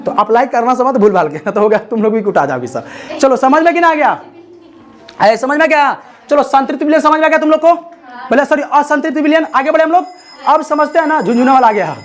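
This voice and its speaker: A man's voice: extremely high pitch, lively intonation, fast. A man teaching a chemistry class, telling a joking story and asking his students over and over whether they understand. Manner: teasing, repeats checks for understanding. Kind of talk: classroom lecture.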